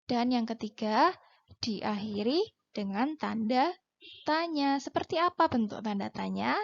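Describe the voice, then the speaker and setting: A woman teacher giving a patient, clearly spoken lesson to young schoolchildren, stretching her words and lifting her questions. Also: on the high side, highs cut off. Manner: patient, drawn-out delivery with rising question intonation. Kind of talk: slow, clear classroom lesson for children.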